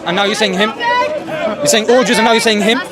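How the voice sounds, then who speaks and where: A man's voice: high-pitched, a little fast. A young man in a heated street debate, challenging and interrupting as he repeats his point. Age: young adult. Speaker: student debater. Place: outdoors in a busy urban public spot. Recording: loud outdoor crowd noise.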